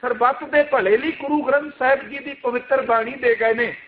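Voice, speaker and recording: High-voiced man preaching passionately, tinny sound. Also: steady tone, moderate pace. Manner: impassioned, rhetorical questions to the congregation. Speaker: Sikh preacher. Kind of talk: religious sermon with recited scripture.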